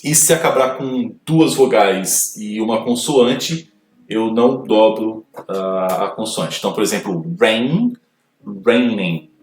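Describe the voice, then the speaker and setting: A man teaching English grammar, explaining rules slowly with frequent pauses and fillers, reading out English terms within his explanation. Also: fairly low pitch, a little mellow, echoey room, far from the mic. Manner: hesitant, many fillers, mixes Portuguese explanation with English terms.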